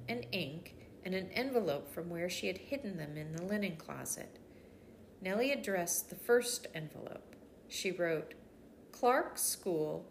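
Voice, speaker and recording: An older woman, a grandmother, reading a children's chapter book aloud with gentle, expressive storytelling. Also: lowish voice, vocal fry, a little hiss or hum. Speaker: storybook reader.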